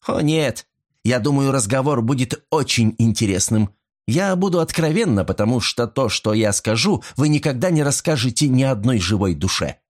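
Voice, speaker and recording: A man voicing a cold, scheming young woman who speaks in a deliberate, icy way, in a storybook reading. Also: mid-range voice, expressive, voice pushed up, lightly acted. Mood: coldly menacing.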